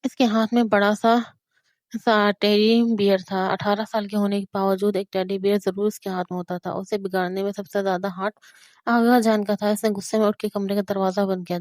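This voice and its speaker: A woman narrating a romance audio novel with steady storytelling. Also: mid-range voice, dry recording.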